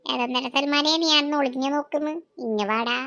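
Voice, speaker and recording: A woman performing a comic family skit, switching quickly between scolding, teasing and calling out to children. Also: sits high, bright, forceful tone. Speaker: comedy sketch performer.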